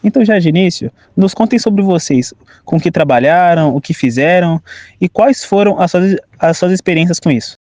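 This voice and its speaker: A man's voice: sits high, lively intonation, normal speed, darkish tone, dry recording. A young man interviewing on a school podcast, reading questions carefully.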